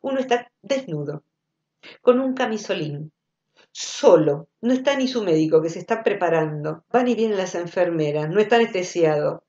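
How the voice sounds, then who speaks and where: A woman with an Argentine accent giving a reflective spoken talk, thoughtful and intimate, sometimes dropping to soft murmurs. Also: lowish voice, animated, normal speed, echoey room. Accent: Argentine Spanish. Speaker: speaker giving a recorded talk, former psychotherapist. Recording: dull lo-fi audio.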